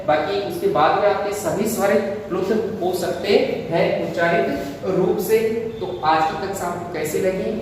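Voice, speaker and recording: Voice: mid-range voice, slight background noise. Echoey teacher quizzing and answering self. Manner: poses rhetorical questions and answers them, stretches key words. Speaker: Hindi grammar teacher. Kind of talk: exam-prep lecture. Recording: echoey room with long reverb, faint ambience.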